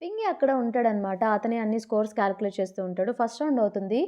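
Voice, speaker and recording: A woman's voice: on the high side, lively intonation, rapid-fire, mellow. A woman with a Telugu accent casually retelling a drama episode, chatty and mixing in English words. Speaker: drama recap narrator.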